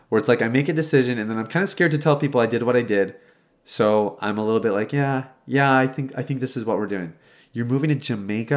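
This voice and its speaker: Upbeat man giving tidy, direct advice. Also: mid-range voice. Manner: direct, encouraging, emphatic, addresses viewers casually. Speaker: self-help coach. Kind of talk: upbeat advice vlog talk, tidy numbered tips.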